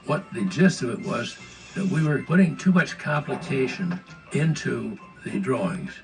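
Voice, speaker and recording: Older man recalling his animator days, gravelly voice, distant mic, faint music under. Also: mid-range voice, animated, measured pace. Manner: anecdotal, storytelling. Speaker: former studio animator. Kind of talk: reminiscing interview.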